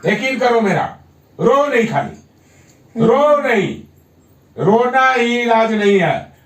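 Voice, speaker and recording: A man's voice: very high voice, very animated, slow, a bit bright. A man working as a yoga therapist, firmly coaxing a patient at home and repeating his encouragement. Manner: firm, coaxing, repeats himself. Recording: echoey room, mic at a distance.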